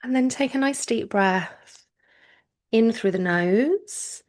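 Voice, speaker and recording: Guiding listeners through yoga nidra relaxation, a woman with a voice on the high side speaks gently and reassuringly, taking her time and pausing between informal instructions.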